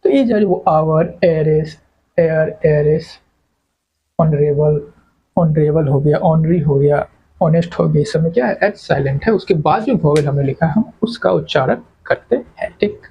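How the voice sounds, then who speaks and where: A man's voice: fairly high pitch, moderate pace, creaky, husky, muffled recording. A man teaching English grammar to exam students, repeating words and quizzing the class with questions. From India. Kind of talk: classroom lecture.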